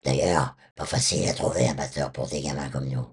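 Older male storyteller; honking, duck-like rasp, extremely low and rough, telling life memories. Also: fairly even intonation, brisk. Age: 60s or older. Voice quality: honking duck-like voice, hoarse and rough from removed vocal cords. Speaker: former rock singer, interview guest.

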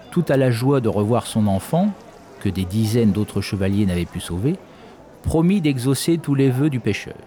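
A man narrating a fairy tale in a measured, expressive reading. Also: mid-range voice. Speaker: storyteller.

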